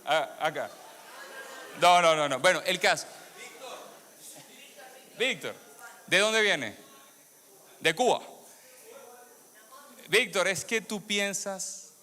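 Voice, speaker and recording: In a high, bright, pushed voice, a man born in Venezuela preaches his testimony slowly, leaving long pauses. He asks the congregation questions and repeats phrases for emphasis, and the recording carries a long hall reverb.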